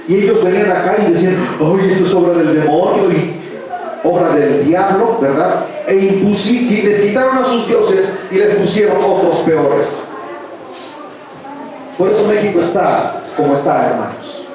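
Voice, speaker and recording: An animated Mexican pastor with a high-pitched voice preaches at a moderate pace, his Mexican Spanish accent clear as he fires rhetorical questions at the congregation. Recorded in a large, echoey church hall on a distant mic, the clip carries crowd noise and the audible congregation.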